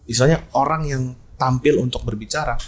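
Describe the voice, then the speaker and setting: A man's voice: mid-range voice, a little fast. A man with a Jakarta slang accent, an esports event host, telling stories in a casual podcast chat and acting out quoted lines. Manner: animated storyteller, acts out quoted lines.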